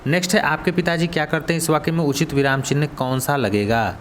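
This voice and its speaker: A man's voice: a little high, fairly even intonation, fast, a little hiss or hum. A male coaching teacher with a Hindi accent going through exam questions. He asks the students, then answers and repeats the key words. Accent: Hindi, Varanasi region.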